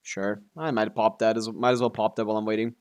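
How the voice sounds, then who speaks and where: This livestreaming gamer has a fairly low, a little mellow voice with a clean tone, delivered flatly and fast over lo-fi sound. He chats casually with viewers, rambling, griping and cursing a lot.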